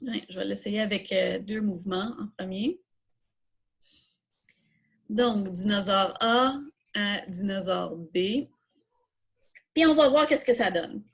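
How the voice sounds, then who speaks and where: In a creaky, breathy medium-pitched voice, a woman with a Quebec French accent takes her time, leaving long pauses. She's teaching an informal coding workshop step by step, reasoning aloud through questions she answers herself.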